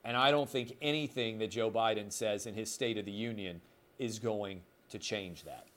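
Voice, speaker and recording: A man's voice: fairly low pitch, normal speed, a bit bright. A middle-aged man hosting a solo opinion podcast, talking emphatically and indignantly, with sarcastic asides. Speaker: podcast host.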